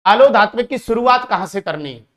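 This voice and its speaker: A man's voice: high voice, expressive, brisk. A man teaching an exam-prep lesson who calls his students brothers and asks and answers his own questions.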